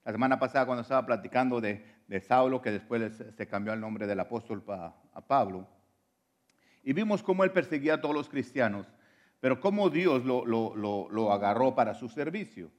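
A man's voice: medium pitch, animated, fairly quick. A male preacher delivers a sermon in an earnest, personal tone. He addresses listeners directly, often stumbling and restarting words, and builds to fervent emphasis.

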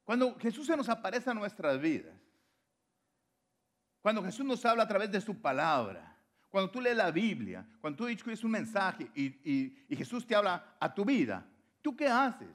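A man delivers a sermon in a somewhat high voice. He presses his points by repeating phrases. His delivery swings between quiet, low passages and loud, raised ones. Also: very animated, normal speed. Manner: emphatic, repeats phrases for stress. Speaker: preacher.

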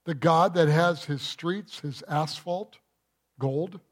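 A male pastor with a slightly high voice preaches an emphatic sermon in a church. He takes his time, posing rhetorical questions.

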